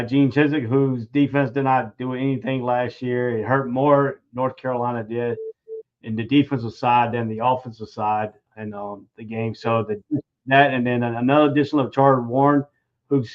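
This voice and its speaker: Guest analyst, man, loose talker, muffled lo-fi sound. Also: medium pitch. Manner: loose, repeats and restarts phrases. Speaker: guest sports commentator. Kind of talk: casual sports analysis. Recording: dull lo-fi audio.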